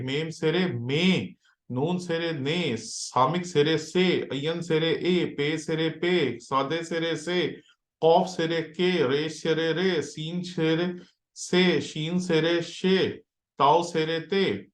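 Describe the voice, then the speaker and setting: A man's voice: on the high side, roomy sound. A man teaching the Hebrew letters and vowels as a pastor, spelling them out one by one and often checking that the listener follows. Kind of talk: slow drilled Hebrew lesson in Urdu-Hindi.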